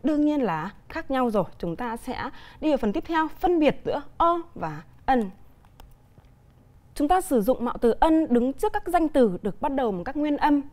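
Vietnamese-accented woman teacher, bright high register, patient televised lesson delivery. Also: sing-song. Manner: clear, deliberate explaining with examples. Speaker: English teacher.

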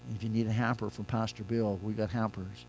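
An older male pastor delivers a conversational sermon from a church pulpit, moving between loud, emphatic lines and quiet, soft ones. His voice is on the low side with little pitch movement and he talks fast, over soft background music in poor audio.

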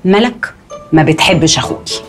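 A woman's voice: low voice, expressive, faint music behind. An actress with an Egyptian accent playing a suspicious, lecturing middle-aged mother in a TV drama. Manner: sharp, lecturing, quick scolding. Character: scolding, suspicious mother of a grown family. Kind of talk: TV drama acting.

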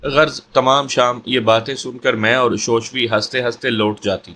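A man narrates a horror story in a measured, steady storytelling voice. His pitch sits right in the middle for a man. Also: a little hiss or hum.

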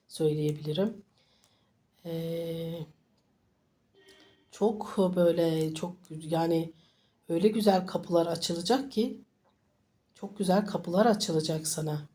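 A woman sniffly with a summer flu, reading fortunes informally for viewers in a halting, reassuring way and often repeating her phrases. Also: lowish voice, warm tone. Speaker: fortune teller.

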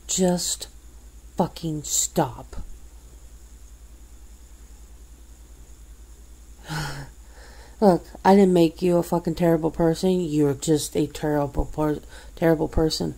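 A woman's voice: sits low, fairly even intonation, unhurried, gravelly, mellow, husky, heavily acted. A woman playing a fed-up friend in an ASMR role-play, berating and swearing with cold scorn. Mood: scornful, exasperated. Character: fed-up woman coldly cutting off a bad friend. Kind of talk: ASMR role-play, one-sided confrontation.

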